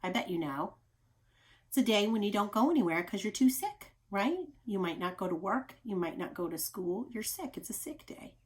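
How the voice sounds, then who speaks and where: A woman teacher reads a picture book aloud to young children at a medium pitch. Her delivery is expressive and deliberately emphatic, broken up by questioning asides.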